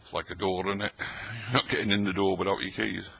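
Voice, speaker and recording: A man's voice: low voice, steady tone, a little fast, vocal fry, a bit bright, slight background noise. A middle-aged man, chatting and joking in a rambling way while tasting old tinned food at his table late at night. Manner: chatty, rambling, jokey, talks while eating. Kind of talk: casual late-night vlog talk.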